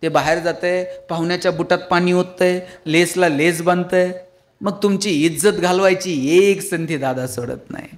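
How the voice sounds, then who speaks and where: Here a male public speaker pleads with listeners and spins comic stories during a motivational lecture. He keeps a steady tone at a moderate pace, his pitch high.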